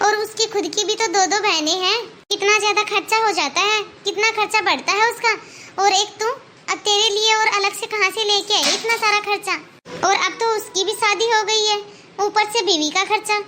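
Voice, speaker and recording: A woman's voice: extremely high pitch, fairly even intonation, moderate pace, bright, forceful tone, a little hiss or hum. A woman doing a blunt, stingy cartoon aunt. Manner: scolding, blunt. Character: middle-aged aunt, stingy and dismissive. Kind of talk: Hindi cartoon voice acting.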